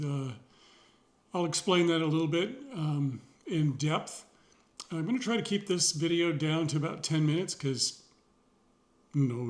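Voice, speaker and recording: Reflective man rambling in a vlog. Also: on the high side. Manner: rambling, pausing, many fillers; sincere, reflective, wry. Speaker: vlogger. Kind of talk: casual personal video journal.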